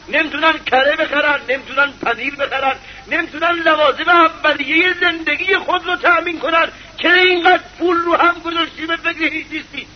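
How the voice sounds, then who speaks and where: A male preacher with a very high voice delivers an impassioned sermon. He piles up rhetorical questions and sometimes breaks into shouts. The recording is slightly muffled, with a faint hiss underneath.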